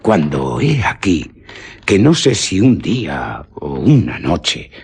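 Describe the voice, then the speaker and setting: Deep and a little mellow yet husky and rough-edged, this man's voice swings hugely in pitch as he tells a suspense tale. He narrates deliberately and theatrically, like literary radio theatre.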